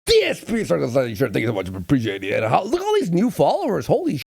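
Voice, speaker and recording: A man co-hosting a livestream, talking excitedly and straight to the viewers in casual chat. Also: a little high, racing, vocal fry, husky. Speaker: stream co-host.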